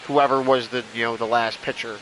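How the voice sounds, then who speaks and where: A young man live-streaming a baseball video game, chatting casually with his viewers, excitable and swearing freely. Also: mid-range voice, brisk. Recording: noisy background.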